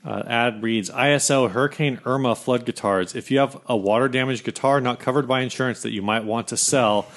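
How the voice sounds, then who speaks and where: A man co-hosting a podcast in casual, somewhat halting talk, recorded in a garage. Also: medium pitch, a bit bright. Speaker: podcast co-host.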